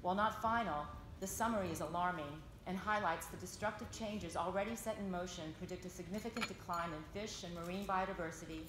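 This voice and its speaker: A woman with a slightly low voice delivers a formal speech in an echoey conference room. There is clear noise in the recording. She reads as a delegate, measured and earnest, with emphasis on her points. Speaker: NGO delegate speaking for an alliance. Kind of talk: formal prepared closing statement, read out. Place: large indoor conference meeting room.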